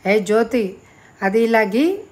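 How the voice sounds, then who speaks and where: A woman's voice: mid-range voice, normal speed, close to an everyday voice. A woman voicing a domineering, bullying father who scolds and barks orders in an audiobook. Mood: angry. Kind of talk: audiobook character reading.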